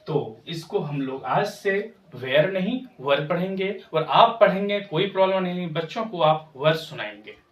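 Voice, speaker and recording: A man teaching English pronunciation, speaking slowly and repeating each word to correct common mistakes. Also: high-pitched, animated. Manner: slow, repetitive, corrective. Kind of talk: pronunciation lesson to camera. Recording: echoey room, voice from a distance.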